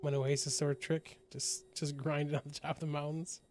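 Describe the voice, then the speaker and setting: A man's voice: a little high, flat delivery, a little fast, noisy background. Chatty laughing man gaming. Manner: chatty, laughs often, trails off and restarts. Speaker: gaming channel host. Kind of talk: casual let's-play chat with teammates.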